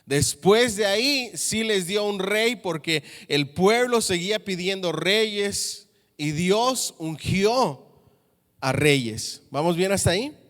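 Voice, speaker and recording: A man's voice: high voice, animated, slow, a bit bright, big-room sound. A male pastor preaching a sermon to his congregation. He often stops to check in with them through questions. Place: church.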